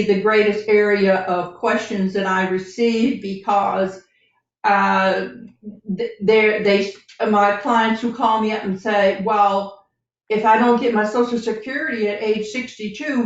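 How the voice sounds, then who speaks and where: Heard from some distance off the mic, a woman with a mid-range pitch speaks as a guest financial advisor on a podcast. She breaks things down point by point, though her delivery halts. The echoey room and dull lo-fi microphone give the recording a roomy, far-off sound.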